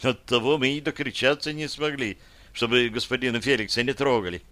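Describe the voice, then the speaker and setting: A man's voice: medium pitch, fairly quick, sharp tone, close to an everyday voice. A man voicing a young warrior woman who is demanding, irritable and anxious in an audiobook. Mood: insistent. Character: young woman, a tense, pushy warrior amazon.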